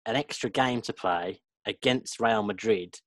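A man co-hosting a casual football podcast, measured and reasoning aloud. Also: on the low side, a bit bright, no room sound. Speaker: podcast co-host.

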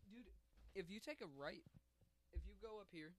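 A man's voice: high-pitched, moderate pace. A man, co-hosting a casual podcast and talking loosely and profanely. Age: 20s. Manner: loose, profane, laughing often. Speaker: podcast co-host.

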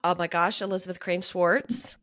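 A woman's voice: lowish voice, moderate pace, fairly bright tone, no room sound. A woman hosting a casual podcast interview in an effusive, gushing way. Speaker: podcast host.

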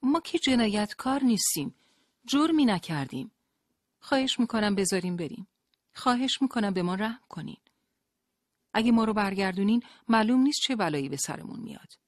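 Frightened young woman, as a narrator puts her on, pleading tone, high pitch, dry sound. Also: sing-song, dry recording. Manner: trembling, pleading.

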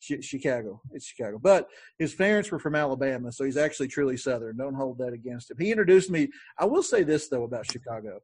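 A man hosting a podcast in a relaxed, conversational way, with frequent fillers and restarts. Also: mid-range voice, quick pace, husky, no echo. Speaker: podcast host. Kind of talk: casual podcast talk.

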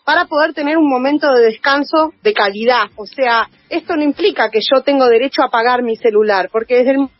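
A woman with an Argentine accent, a labor-rights guest on a radio interview, explaining in a measured way over a choppy call that keeps breaking up. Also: high voice, dry recording, lo-fi sound. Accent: Argentine Spanish. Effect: choppy, breaking-up call audio. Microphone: phone or internet call line.

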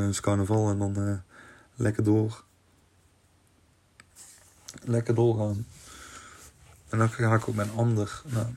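A man's voice: medium pitch, vocal fry, dark tone, slight background noise. A young man hosting a podcast, telling personal stories casually, rambling and restarting sentences, with casual swearing. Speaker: podcast host.

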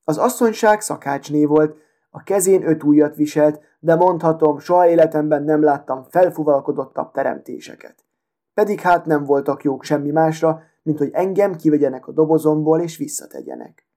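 A man's voice: on the high side, expressive, dark tone. A man playing a vain, haughty sewing needle. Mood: boastful. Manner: proud, self-important, affected.

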